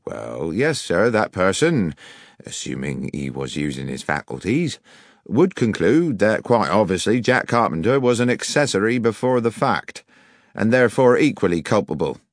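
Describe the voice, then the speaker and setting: A man's voice: on the low side, sing-song, moderate pace, no room sound, studio quality, voice pushed up. A man voicing a smug, officious police sergeant who is pompous, wordy and grudgingly polite.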